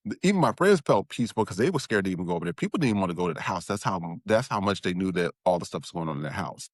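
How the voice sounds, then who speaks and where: A man as an interview guest, candidly recounting his childhood with halting restarts and acted-out quotes. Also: low voice, lively intonation, no echo, clean studio sound. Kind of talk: personal storytelling interview.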